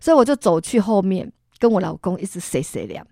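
A woman from Singapore tells her personal story as an interview guest, voicing the people in it as she goes. Her delivery is lively and full of feeling, with frequent laughter. The recording is close and dry, with no room sound. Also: mid-range voice, quick pace, dry recording. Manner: animated storyteller who acts out other people's lines; expressive, laughs while telling. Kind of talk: telling a personal faith testimony.

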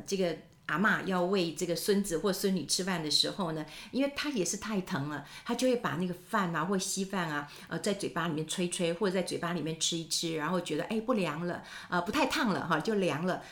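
A middle-aged woman hosting a podcast, chatting casually with lots of fillers and tag particles. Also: fairly low pitch. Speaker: podcast host. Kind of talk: casual solo commentary. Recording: echoey room.

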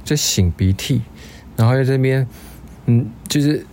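A man's voice: mid-range voice, normal speed, dark tone, a little hiss or hum. A man, co-hosting a podcast and telling loose, rambling stories in casual chat. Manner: chatty storyteller, loose and rambling. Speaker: podcast co-host.

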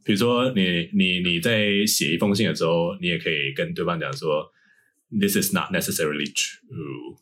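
A man's voice: deep voice, moderate pace, fairly bright tone. A man hosting a casual podcast as an English teacher, laughing often and slipping English words into his talk.

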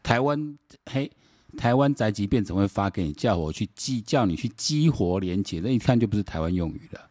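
A middle-aged man with a Taiwanese accent delivers a solo political commentary podcast. His voice sits low and dark, heard in a dry, close setting with no room sound. He rambles, repeats himself, and mixes in Taiwanese Hokkien. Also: lively intonation, brisk, no room sound. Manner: rambling, repeats words, switches into Taiwanese Hokkien, mocking rhetorical questions.

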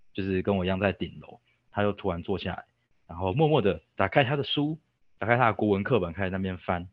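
A man's voice: deep voice, dry recording, narrow, tinny audio. A young man with a Taiwanese Mandarin accent, a podcast guest casually telling a personal story, rambling and restarting with fillers. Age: young adult. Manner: rambling, self-interrupting with fillers.

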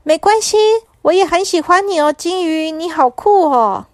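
A high, bright little girl's voice in a children's audio story, put on by a woman narrator. She sounds eager and a little bashful, with a lively, climbing lilt. The recording is close and dry. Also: normal speed, dry recording. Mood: delighted. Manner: apologetic, eager. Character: shy little girl exploring the sea.

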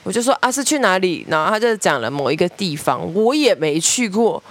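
A young woman with a Taiwanese Mandarin accent, hosting a podcast and telling family stories in a lively way, acting out relatives' voices. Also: medium pitch, fairly quick. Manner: lively storyteller, mimics family members, laughs often. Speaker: podcast host. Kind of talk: storytelling monologue.

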